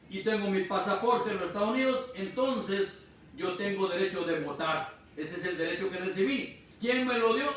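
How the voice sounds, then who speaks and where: A man's voice: high voice, fairly bright tone. Man from Honduras preaching in echoey room. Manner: explains slowly, repeats key phrases. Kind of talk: sermon. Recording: distant mic in echoey room, faint noise.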